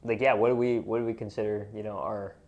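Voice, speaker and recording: A man's voice: fairly low pitch, level tone, fast, a little mellow, muffled recording. A man in his twenties from Pakistan, a podcast guest, answering in a reflective, rambling and hesitant way. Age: 20s. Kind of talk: casual interview chat.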